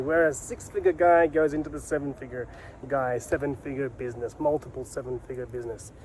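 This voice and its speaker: This man's mellow voice sits on the high side, captured in a rough recording with some hiss or hum. As a sales coach and video host, he teaches to camera with emphasis, hammering key phrases and asking rhetorical questions.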